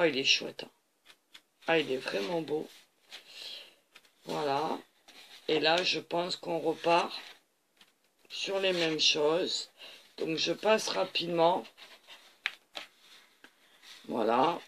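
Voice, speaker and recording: Slow-talking Frenchman, gushing softly. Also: on the high side, gravelly, slight background noise. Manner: gushing, repeats little compliments, unhurried with fillers. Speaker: craft channel host. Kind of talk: unboxing and leafing through craft paper on camera.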